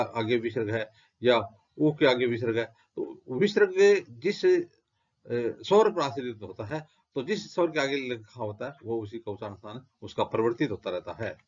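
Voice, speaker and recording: A man teaching Sanskrit grammar in a lecture style, reciting lists of letters and answering his own questions. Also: medium pitch. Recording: dull lo-fi recording.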